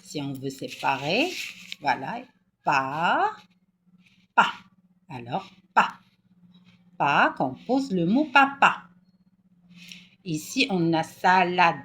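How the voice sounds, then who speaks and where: A woman with a low, slightly husky voice teaches young children to read, and her pitch rises and falls with a lot of movement. She speaks at an unhurried pace and patiently repeats each syllable to coax them along. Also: big pitch swings. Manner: warm, coaxing, repeats syllables slowly for children. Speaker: primary school teacher. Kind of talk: reading lesson for young children.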